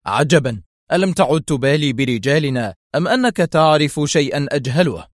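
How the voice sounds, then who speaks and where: A man reading a story aloud, voicing an angry, agitated male intelligence officer who keeps snapping and shouting. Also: fairly high pitch, fast, no echo, clean studio sound, close to an everyday voice. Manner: sharp, agitated outbursts.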